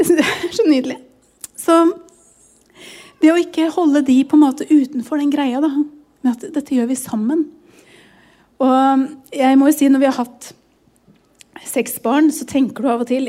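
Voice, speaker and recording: A woman's voice: high voice, mellow. A woman in her forties, a pastor's wife, sharing a personal testimony in a sermon, emotional and often close to tears.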